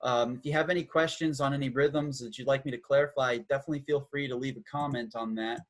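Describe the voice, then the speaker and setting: A man's voice: mid-range voice, steady tone, fast. A man giving a casual, slightly awkward music lesson who counts beats aloud as he explains. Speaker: music teacher.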